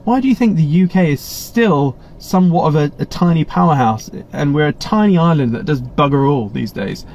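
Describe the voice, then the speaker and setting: With lively intonation and a slightly high, darkish voice, this English host talks at normal speed with hardly any pauses. He reads viewer chat in a casual live Q&A, rambling along with blunt asides and many restarts. His webcam stream sounds slightly muffled, with a little hiss or hum.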